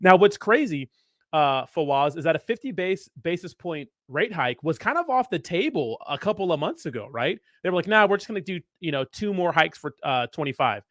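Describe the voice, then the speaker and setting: A man's voice: a little high, sing-song, a little fast, no room sound, clean studio sound. A man hosting a casual livestream, talking with hyped frat-bro slang and swagger. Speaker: crypto livestream host.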